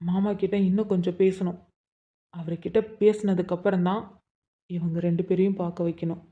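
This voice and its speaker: A woman's voice: sits high, moderate pace, darkish tone, natural voice. A woman voicing a curious, probing young man in a storybook cartoon, often thinking aloud. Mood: hushed. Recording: dull lo-fi sound.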